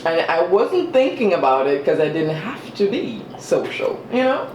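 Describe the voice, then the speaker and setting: This vlogger's medium-pitched voice is very animated and a little mellow, moving at normal speed. Between bites, with audible chewing and mm-hmms, they chat casually and poke fun at themselves in a roomy space with faint background noise.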